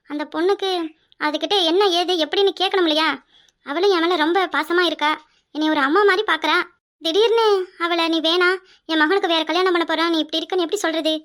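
A woman's voice: very high-pitched, a bit bright. A woman voicing a proud, stern middle-aged mother-in-law who speaks in a cold, accusing way, with a Kanyakumari Tamil accent.

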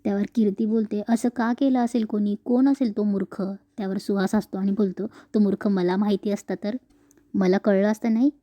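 A woman casually retelling a TV serial episode, switching quickly between narration and the characters' lines. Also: medium pitch, steady tone, dry recording, muffled recording.

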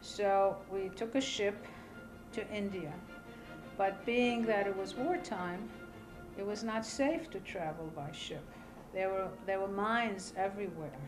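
Seated at a table in a small room, an older woman from Iraq recounts her life story for an interviewer, her medium-pitched voice calm and deliberate with pauses between phrases. Music plays underneath, and the recording is rough.

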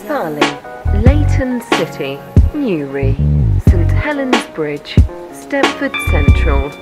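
A woman's automated train announcements, built from separately recorded words spliced together into choppy phrases. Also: lowish voice.

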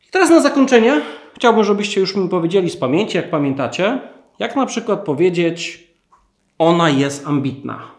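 A man teaching an English lesson to learners, asking the viewers questions and drawing out each model phrase slowly. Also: sits high, expressive, reverberant.

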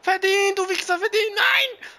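A man's voice: very high voice, normal speed, sharp tone. A man streaming a football video game who protests playfully with repeated denials. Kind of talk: live gameplay commentary.

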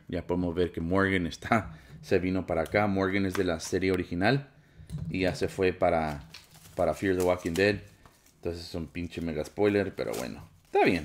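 A young man with a Mexican Spanish accent talks in a very deep, low voice. He chats loosely and slangily as he unboxes films for a casual vlog. A faint hiss of noise sits behind him. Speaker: YouTuber unboxing movies.

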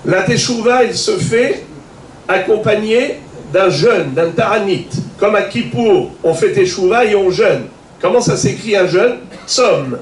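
A man's voice: sits high, distant mic. A man, a rabbi, giving a religious lesson, explaining step by step and asking rhetorical questions as he goes. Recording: echoey room, voice from afar, faint noise.

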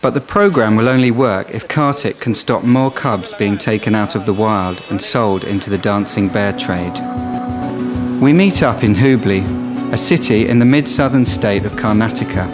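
A man's voice: on the low side, moderate pace. A man presenting and narrating a nature documentary in a scripted reporting style. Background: music under the narration.

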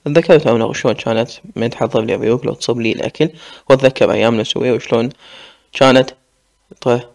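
A man's voice: mid-range voice, steady tone, fast talker, creaky, darkish tone. A man with an Iraqi accent narrating a serialized first-person story in a brooding, confessional way.

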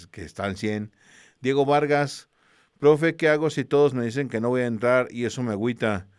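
A man's voice: medium pitch, darkish tone, clean tone, no room sound, clean studio sound. A man with a Mexican accent, a teacher casually greeting students and reading their messages aloud in a slangy, easygoing way. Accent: Mexican Spanish.

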